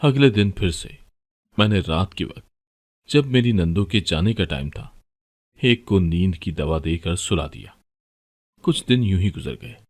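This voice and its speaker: A man narrating a story in the first person in a plain, steady storytelling manner. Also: sits low, unhurried, long pauses.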